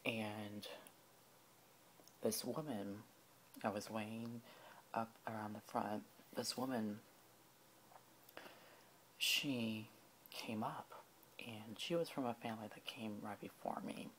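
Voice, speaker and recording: A tipsy man telling a rambling story in a soft-spoken ASMR style, often slipping into whispers. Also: on the low side, steady tone, slow pace, pauses often, a little hiss or hum. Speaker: ASMR creator.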